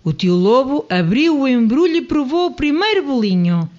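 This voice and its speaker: A woman reads a children's tale aloud, her fairly high voice swooping up and down for emphasis. The audio is dull and lo-fi, as from a radio broadcast. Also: very animated, normal speed, a little mellow. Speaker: storyteller. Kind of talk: children's story narration.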